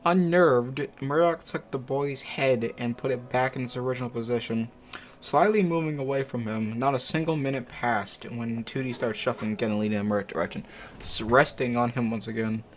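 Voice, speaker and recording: There's slight background noise and music as a man with a medium-pitched voice reads fanfic at normal speed. He's an amateur reader and commentator, breaking off for slangy, swearing, incredulous reactions.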